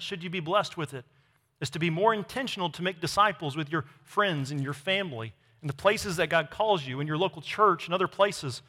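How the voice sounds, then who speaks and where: A man preaching a sermon as pastor, with emphatic delivery that swings between loud declarations and hushed asides. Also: high voice, big-room sound.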